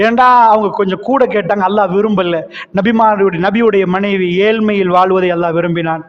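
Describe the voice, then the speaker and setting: High-voiced preacher in an echoing hall. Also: male voice, steady tone, brisk. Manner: impassioned storytelling, voice rising high when acting out quotes. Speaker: Islamic preacher. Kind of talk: sermon. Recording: dull audio with long hall reverb.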